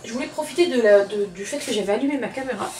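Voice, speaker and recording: A woman's voice: on the high side, fast, a little mellow, slight background noise. Chatty woman with a Southern French accent. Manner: chatty, addresses viewers directly, repeats words often. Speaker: home cook. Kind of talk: casual cooking tutorial. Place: home kitchen.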